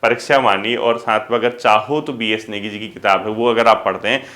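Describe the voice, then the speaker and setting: A man's voice: on the low side, fairly even intonation, a little fast, pushed and bright. A male coaching teacher, giving casual exam advice to students and asking them rhetorical questions. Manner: addresses students as kids, frequent rhetorical questions.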